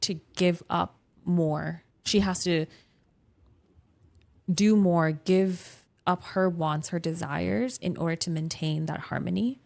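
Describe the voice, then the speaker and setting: Calm, lower-pitched woman podcast host. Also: slow pace, gravelly. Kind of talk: explanatory conversational podcast talk.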